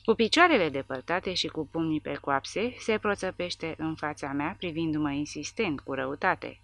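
A woman narrating a war novel as an audiobook, in a steady, measured storytelling manner. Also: deep voice, dry recording.

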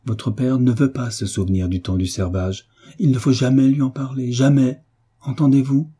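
A man's voice: fairly low pitch, normal speed, dark tone, slightly rough. Man reading as a melancholy old village priest. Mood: grave. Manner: melancholy, grave. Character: elderly village priest, grey-bearded, melancholy, gentle.

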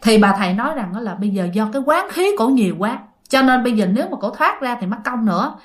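A woman's voice: on the high side, lively intonation, fast talker. A woman telling a ghost story in a chatty, casual way, speaking to her listeners and repeating herself.

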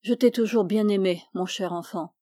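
A woman's voice: mid-range voice, normal speed, mellow, no room sound, studio quality, lightly acted. A woman voicing a devout, stern old retired captain in a novel reading. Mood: pleading.

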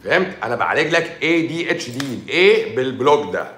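Egyptian male doctor, rapid mocking livestream rant, echoey room sound. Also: mid-range voice, sing-song, a bit bright, a little hiss or hum. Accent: Egyptian Arabic. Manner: sarcastic, mocking, scolding. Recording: roomy echo.

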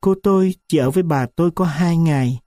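A man narrating a storybook in a slow, solemn, reflective way. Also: on the high side, mellow, no echo, studio quality.

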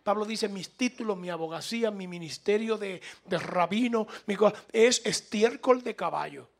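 High-pitched and gravelly, this man's voice moves at normal speed with a Latin American Spanish accent. Taking questions from the congregation, he preaches an impassioned, informal sermon, emphatic and repetitive, pushing his listeners to answer back.

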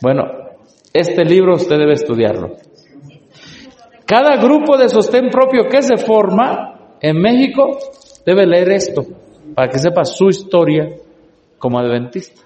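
A man lectures a live church audience, earnest and urging as he addresses them directly. His voice sits a bit high but sounds mellow and soft-edged. The sound rings around a large hall, with a long tail of reverb. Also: very animated, a little slow, pauses often, muffled recording. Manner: earnest, urging, talks straight to listeners.

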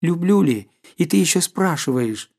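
Man voicing a young woman, anxious, loving, pleading, higher pitch. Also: animated, normal speed, creaky, darkish tone. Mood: tender. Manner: pleading, tender, alarmed. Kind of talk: audiobook character voice.

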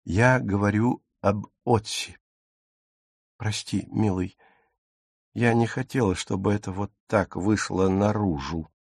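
A man reading an audiobook, voicing a worried middle-aged mother who speaks softly and gently. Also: on the low side, steady tone, takes it slowly, creaky, breathy edge, dry recording, studio quality, exaggerated voice. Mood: tender.

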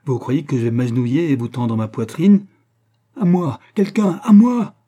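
A man's voice: brisk, warm tone, lightly acted. Man voicing a desperate young marquise. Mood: defiant. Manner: shrill, desperate cries. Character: proud young Venetian marquise, terrified then pleading.

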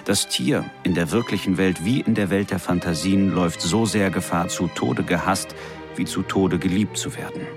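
Man, radio feature narrator, very low voice, animated delivery, over music. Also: normal speed. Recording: music underneath.

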